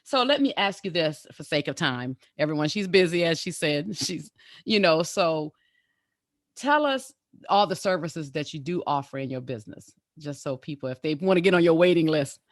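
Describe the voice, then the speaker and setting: A woman's voice: sits low, lively intonation, moderate pace, studio quality. A woman hosting a podcast who affirms her guest and echoes back her words. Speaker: podcast host. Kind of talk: casual interview talk.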